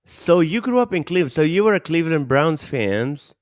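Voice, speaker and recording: A man's voice: fairly high pitch, expressive, a little fast, dry recording. Guy hosting a podcast, eager, repeats stuff for emphasis, dry close sound. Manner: enthusiastic, repeats points for emphasis. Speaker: podcast host. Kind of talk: casual interview chat.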